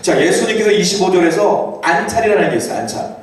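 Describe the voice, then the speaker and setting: A male pastor preaching a sermon in a conversational way, asking his congregation rhetorical questions and reading scripture aloud slowly. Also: high-pitched, animated. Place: church sanctuary. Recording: echoey church hall from a distant mic.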